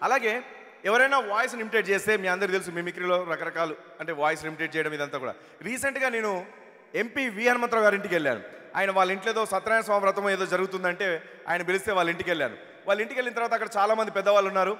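A man's voice: high voice, rapid-fire, pushed and bright. A male mimicry comedian doing live stage comedy, chatty and storytelling, hyping a crowd. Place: large event hall. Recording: long hall reverb.

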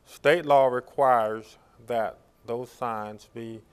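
A middle-aged man speaking as a police chief in a public service announcement, with a measured, halting delivery and frequent pauses. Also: medium pitch, fairly even intonation, a little hiss or hum. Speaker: police chief hosting a public information talk. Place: small indoor studio.

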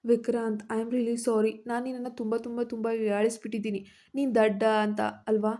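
A woman's voice: fairly high pitch, flat delivery, moderate pace, warm tone, close to an everyday voice. A woman doing a fierce, bold young bride. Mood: tearful. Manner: bold, scolding.

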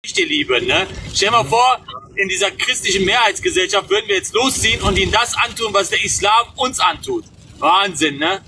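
A man's voice: sits high, lively intonation, brisk. A man hosting a live stream, ranting with mocking rhetorical questions, speaking from inside a car. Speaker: streamer and host. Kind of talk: casual live-stream rant. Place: in a car in the city. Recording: loud traffic noise outside.

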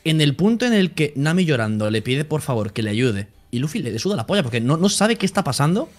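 Fast-talking young man. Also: on the high side. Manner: animated, crude, emphatic. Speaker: guest streamer. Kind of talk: casual chat.

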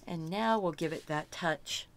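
A woman's voice: low voice, measured pace. A middle-aged woman teaching a step-by-step painting lesson, chatty and thinking aloud as she works, delighted by her own results. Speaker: art instructor.

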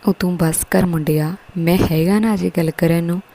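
A woman's voice: fairly low pitch, steady tone, moderate pace, mellow. A woman voicing a stern, scolding middle-aged village headman in a story. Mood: commanding. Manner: scolding, commanding.

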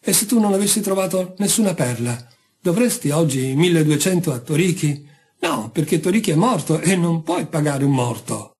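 A man's voice: on the high side, lively intonation, moderate pace, darkish tone. A man voicing an anxious, whining island wife in a read-aloud story. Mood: shrill. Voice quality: whiny.

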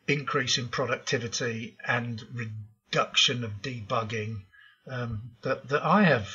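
A programming tutorial host, an older man, narrates a slide lesson with frank, opinionated takes and frequent ums. His medium-pitched voice is bright and edgy yet very husky, and the voice-over comes across muffled and lo-fi.

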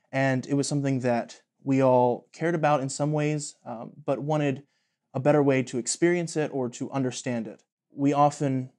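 A man's voice: mid-range voice, a little mellow. A young man in his twenties from Pennsylvania, a student guest explaining a project earnestly in an interview. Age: 20s. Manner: earnest and explanatory, with some fillers. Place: bright office room with large windows.

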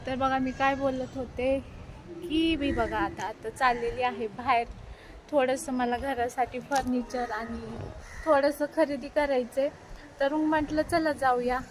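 A woman's voice: sits high, fairly even intonation, unhurried, roomy sound. A woman in her thirties chatting to her viewers in a casual vlog, filmed on a phone she holds herself, first at her home terrace and then in a furniture shop. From India. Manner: chatty, addresses viewers directly, haggles loudly. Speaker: vlogger. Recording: noisy phone recording with traffic.

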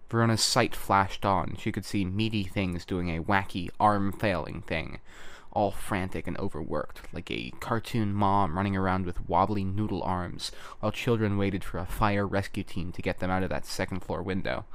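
A man narrating an audiobook chapter in a measured, even storytelling manner. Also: deep voice. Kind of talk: scripted narration.

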